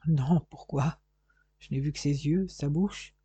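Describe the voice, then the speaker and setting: A man's voice: a little high, a little slow, warm tone, slightly rough, no echo. A man voicing a heartbroken, lovesick young man who pleads and despairs. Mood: stunned.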